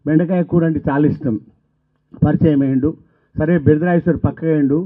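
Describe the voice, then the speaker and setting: Man speaking in short halting phrases, tinny. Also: fairly high pitch, steady tone. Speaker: speaker at a novel launch. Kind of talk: reminiscing speech. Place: stage at a book launch event. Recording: tinny phone-like sound.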